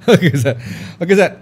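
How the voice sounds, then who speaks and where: A man's voice: high voice, a little mellow, slightly rough. A male host from Malaysia wrapping up a live stream, thanking his guest with frequent repetitions and stammered restarts. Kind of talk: casual live stream hosting.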